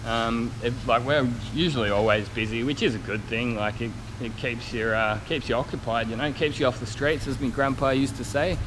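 This is a relaxed, meandering, blokey vlog from a car painter and YouTuber in his thirties, walking around a large workshop with a handheld action camera at arm's length. He speaks at medium pitch, a little fast, with few pauses, and workshop sounds come through clearly.

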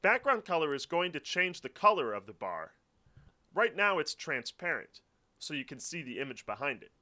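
Bright, lively male tutorial voice. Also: fairly high pitch, moderate pace. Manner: clear step-by-step instructional. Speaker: tutorial narrator. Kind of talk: scripted screen-recording walkthrough. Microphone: voice-over.

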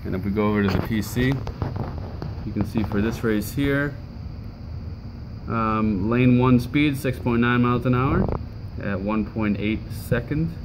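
A man's voice: medium pitch, measured pace, pauses often, background noise. A man casually walking through his homemade project in a basement, filming on a handheld phone, with lots of ums and uhs. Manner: relaxed, explanatory, many ums and uhs. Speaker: hobbyist maker demonstrating his build. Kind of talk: casual show-and-tell walkthrough. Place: home basement, indoors. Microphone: handheld phone camera.

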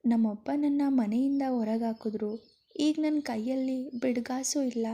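A woman's voice: sits high, measured pace, dark tone. Inchara, a woman doing a hurt young woman. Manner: plaintive, upset pleading.

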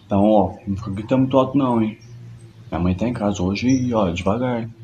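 A man's voice: on the low side, quick pace, highs cut off, heavy background noise. A man acting out a comic sketch, teasing and bossing friends in brash slang. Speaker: comedy sketch creator playing several kids.

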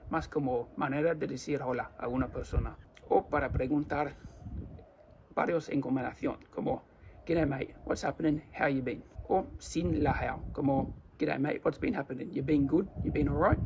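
An Australian man with an Australian accent, explaining everyday phrases to viewers in slow, careful non-native Spanish and repeating his examples. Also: a little high, a little hiss or hum. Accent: Australian English. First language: English. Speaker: language teacher.

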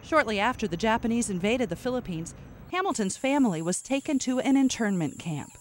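A woman reading scripted documentary narration in a measured, matter-of-fact way. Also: fairly high pitch, lively intonation, a little mellow, slight background noise.

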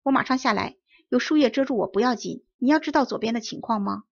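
A woman voicing a brave young boy in a storybook reading, eager and earnest, with a husky, gravelly voice on a dull recording. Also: a little high, fast.

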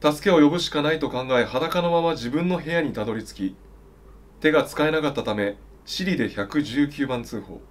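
A man's voice: fairly high pitch, normal speed. A young man reading scripted mock news as a newscaster in a formal, straight-faced way. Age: young adult. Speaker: comedy newscaster.

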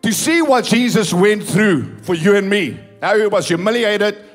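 Male pastor, high-pitched, emphatic live sermon with soft music under it. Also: animated. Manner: preaching, reading scripture aloud with emphatic pauses. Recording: live church service with faint music behind.

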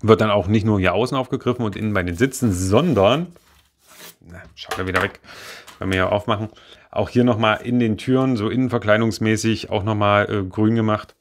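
Hesitant man with a lowish voice reviewing a model. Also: a little fast. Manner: rambling, hesitant, many fillers and self-corrections. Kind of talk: casual spoken product review.

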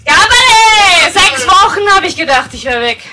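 A young woman with a Viennese accent, a wrestling champion shouting an excited promo to the crowd in a basement venue. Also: very high voice, unhurried, music in the background. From Vienna, Austria. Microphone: handheld mic, heard from a distance. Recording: distant live venue sound.

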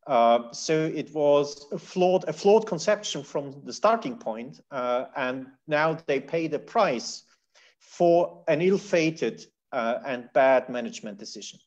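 A man speaking as a policy analyst on a discussion panel, measured and analytical, often pausing and restarting his sentences. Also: on the high side, animated, a little mellow. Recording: muffled lo-fi audio.

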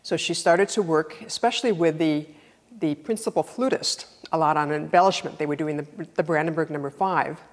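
Deep-voiced woman telling fond stories. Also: fairly quick, long reverb tail. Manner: warm storytelling, affectionate. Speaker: guitarist and former student. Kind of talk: anecdotal testimonial.

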